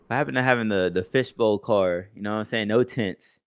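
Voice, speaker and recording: A man's voice: on the low side, a little fast, clean tone. A young American man chatting and telling stories on a podcast in casual, profane slang. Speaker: podcast co-host. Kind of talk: casual storytelling chat.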